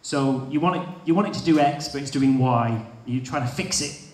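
A man's voice: mid-range voice, moderate pace, darkish tone. A man interviewing a guest on stage, asking eager, rambling questions with hesitations. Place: large expo hall stage. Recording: echoey hall mic heard from a distance.

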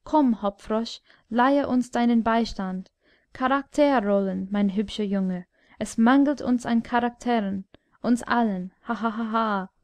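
A loud, mocking tyrant king, played by a woman reading an audiobook. He bullies and jeers in a raised voice, set a little high, at a slow, deliberate pace. The sound is dry and close with no room around it. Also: dry recording, close to an everyday voice. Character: cruel boisterous male king, jeering tyrant. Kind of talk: audiobook character voice.

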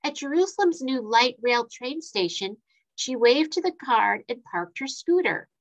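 A woman reading a children's story aloud, expressive and playing with sound effects. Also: high voice, a little slow, low-quality recording.

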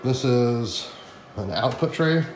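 In a casual walkthrough vlog, a print shop owner in his thirties chats excitedly about a new machine for his viewers. He speaks slowly at a medium pitch, in a large echoey room with a concrete floor, with a noisy background and music laid over it.

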